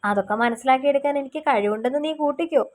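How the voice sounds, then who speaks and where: A woman voicing a tender young man in love, speaking softly and gently with a light teasing edge. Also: high-pitched, racing, natural voice.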